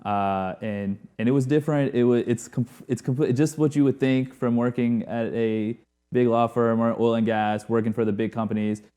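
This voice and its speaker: A young man from Houston, a guest on an interview show, talking in a measured, hesitant way. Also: mid-range voice, steady tone, dark tone, smooth. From Houston, Texas. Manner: measured, hesitant, with restarts and fillers. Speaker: guest, sports team lawyer. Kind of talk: casual interview chat.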